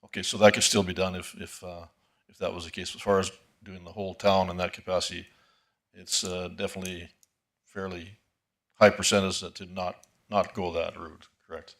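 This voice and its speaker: Deep-voiced man chairing a meeting. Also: flat delivery, a bit bright. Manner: measured, checks facts with "correct?". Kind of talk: council meeting discussion. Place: council chamber.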